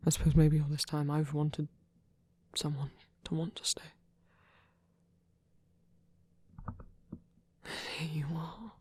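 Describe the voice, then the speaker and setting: Whispering softly and huskily, the performer plays a kind, guarding vampire priest in close ASMR roleplay, hesitant and affectionate. The medium-pitched voice has no echo, and the feeling is tender and reassuring.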